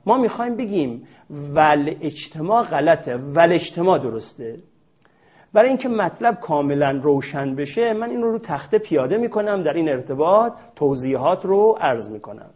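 A male teacher delivers a classroom lecture at a board, walking through a rule step by step. His pitch sits a little high and swings widely as he poses questions to his students. The recording is dull and lo-fi. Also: a little mellow. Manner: explains step by step with rhetorical questions.

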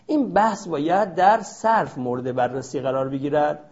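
A man teaching Arabic grammar in a classroom lecture, stressing key terms by repeating them slowly. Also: on the high side, fairly even intonation, a little mellow, muffled recording.

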